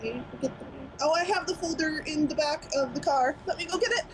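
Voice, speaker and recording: A woman's voice: sits high, fast. A woman playing a tabletop game, talking about her character in a chatty, hesitant way. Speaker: player. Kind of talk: casual tabletop role-play. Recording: noticeable background noise.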